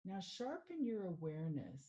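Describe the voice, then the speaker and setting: A woman working as a mindful living coach, leading a guided meditation in a calm, soothing way. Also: lowish voice, lo-fi sound. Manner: slow, calm, soothing guidance.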